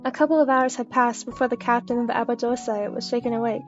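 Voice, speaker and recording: A woman with a fairly high, rather even voice narrates a fan fiction story. The recording is a little dull and lo-fi, with music playing behind her. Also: fast talker. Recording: slightly dull lo-fi audio under music.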